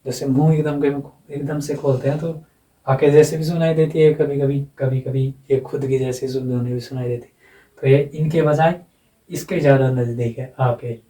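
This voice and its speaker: A man giving a phonetics lesson, slowly repeating sounds and words while he explains. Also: medium pitch, steady tone, warm tone, far from the mic, poor audio. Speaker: teacher.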